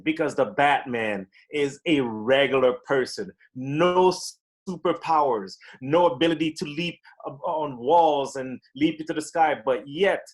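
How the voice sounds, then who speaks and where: A man giving a motivational impromptu speech at a club meeting, using rhetorical questions. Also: medium pitch. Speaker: meeting participant answering a table topic.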